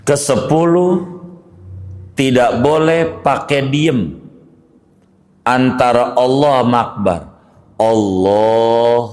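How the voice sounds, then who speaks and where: A middle-aged man, a cleric giving a religious study lecture, who draws out recited phrases to demonstrate them and corrects mistakes emphatically. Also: on the high side. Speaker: Islamic cleric teaching jurisprudence.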